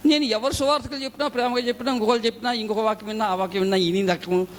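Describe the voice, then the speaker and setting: Man, preacher, testimony sermon, animated storytelling, rapid delivery. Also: high voice, slight background noise. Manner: animated storytelling, acting out the people he quotes. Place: church.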